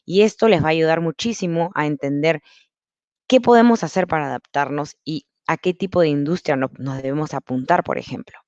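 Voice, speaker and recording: A woman's voice: low-pitched, a little fast, a little mellow, no room sound, muffled recording. A woman from Peru, a marketing consultant giving an upbeat online masterclass, explaining step by step over a video call. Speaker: guest speaker, marketing consultant.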